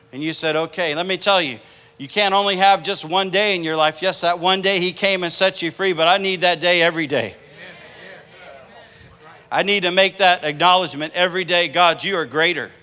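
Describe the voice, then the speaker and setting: Bright-voiced impassioned male pastor. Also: high voice, fairly even intonation, normal speed, pauses often, clear, resonant tone. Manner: impassioned storytelling preacher. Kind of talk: sermon.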